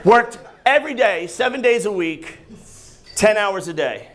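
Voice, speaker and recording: A man from New Jersey with a New Jersey accent doing a brash, profane stand-up set, singing and shouting bits on a comedy club stage. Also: high-pitched, expressive, unhurried. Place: comedy club stage before a laughing audience. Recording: live club crowd audible.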